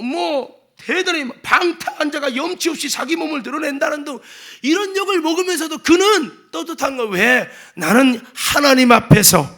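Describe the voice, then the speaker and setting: A male pastor giving a Sunday sermon in a church, emphatic and dramatic, acting out quotes and sometimes shouting. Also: extremely high pitch. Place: church sanctuary.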